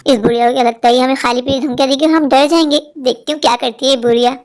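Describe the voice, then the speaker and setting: A woman's voice: high voice, steady tone, rapid-fire. A woman voicing an insolent young daughter-in-law in a cartoon who taunts her mother-in-law. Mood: defiant. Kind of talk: Hindi cartoon voice acting.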